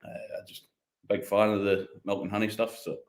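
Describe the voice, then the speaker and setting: Male, middle-aged, broad northeast Scottish Doric, slightly low register, informal guest conversation. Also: little pitch movement, brisk. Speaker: interview guest, whisky maker. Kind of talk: casual chat.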